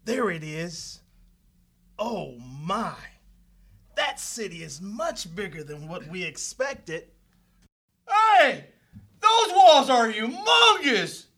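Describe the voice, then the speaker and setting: Performer doing excitable spy, high, bright, slow, swooping exclamations. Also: heavily acted. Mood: excited. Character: excitable Israelite spy, wide-eyed and nervous. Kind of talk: dramatic children's Bible skit.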